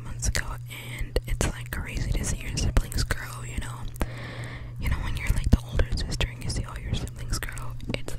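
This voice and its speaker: A breathy whisper from a teenage girl, very close on the microphone. She rambles casually in ASMR style, keeping her words unvoiced and intimate in a small indoor room. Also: poor audio. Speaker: ASMR creator. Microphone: desktop condenser mic, very close.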